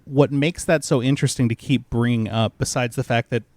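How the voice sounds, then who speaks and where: A man's voice: mid-range voice, steady tone, fairly quick, a little mellow, no echo. A man co-hosting a casual movie podcast, speaking earnestly and thinking aloud with fillers. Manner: thoughtful, earnest, works through points with fillers. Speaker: podcast co-host.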